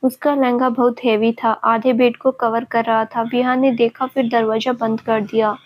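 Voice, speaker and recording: A woman storyteller reading a family story aloud in an even, steady way. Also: fairly high pitch, moderate pace, lo-fi sound, a little hiss or hum. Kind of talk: storybook narration.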